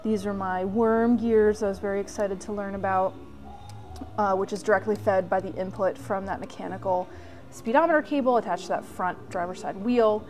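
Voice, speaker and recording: A woman hosting a hands-on workshop tutorial, walking through each step slowly with frequent "um" pauses. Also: mid-range voice, fairly even intonation, a little mellow, faint music behind. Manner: explains step by step with many "um" pauses. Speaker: vlog host.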